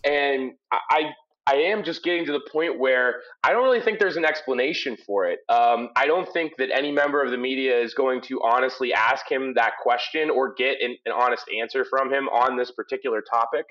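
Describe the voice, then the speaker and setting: A man's voice: mid-range voice, brisk, a bit bright. Guy hosting a casual sports recap pod, folksy and emphatic, talking into his headphones, kinda muffled lo-fi. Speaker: sports podcast host. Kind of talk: conversational post-game recap. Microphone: headphones used as microphone. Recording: dull lo-fi headphone mic.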